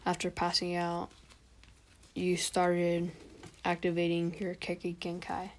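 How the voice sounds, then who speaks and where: A woman's voice: fairly low pitch, completely flat delivery, takes it slowly. A woman voicing an aloof, mysterious male spirit mentor in a spoken fan story. She speaks curtly and dismissively, in close to her own voice. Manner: curt, dismissive.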